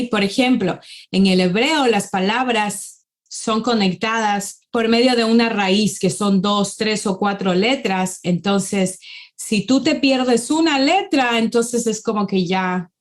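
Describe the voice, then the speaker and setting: A woman teaching a conversational language lesson, explaining step by step and slowing down to sound out words. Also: medium pitch. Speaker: Hebrew teacher.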